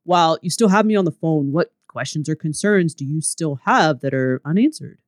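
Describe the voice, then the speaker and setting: A woman putting on a lower man's voice to play a pushy, smooth-talking male sales coach who presses hard. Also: expressive, moderate pace, no echo, clean studio sound. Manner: persuasive, pressuring sales pitch.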